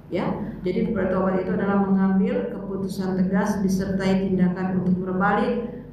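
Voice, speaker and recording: A woman's voice: mid-range voice, dull audio. A woman teaching a youth bible lesson in church, chatting with the class and calling on students to read. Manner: conversational, calls on students to read. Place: church room. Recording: echoey room, mic far off, faint noise.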